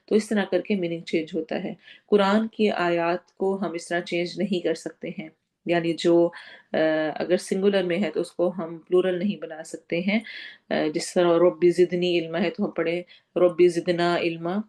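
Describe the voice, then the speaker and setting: Slow, careful woman teaching Quran recitation. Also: lowish voice, steady tone, a little mellow. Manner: explains word by word, drawing out recited words slowly; mixes English words into Urdu. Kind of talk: Quran lesson with tajweed and translation.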